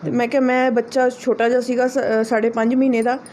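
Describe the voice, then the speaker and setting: A woman's voice: fairly high pitch, little pitch movement, fast, a little mellow, slight background noise. A woman from Delhi giving an earnest personal account in an interview, mixing in English words.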